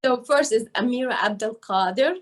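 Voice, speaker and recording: A woman's voice: a little high, moderate pace. An older woman from Egypt, talking as a guest on an interview podcast in a chatty way, full of fillers and restarts. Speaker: guest, nurse and wellness coach. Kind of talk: casual interview talk.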